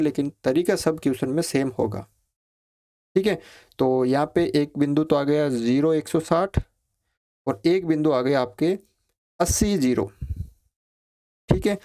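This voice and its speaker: A man teaching a maths lesson, explaining each step slowly, counting values aloud and checking in with his students. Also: a little high, dark tone. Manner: asks students questions, repeats phrases like ठीक है.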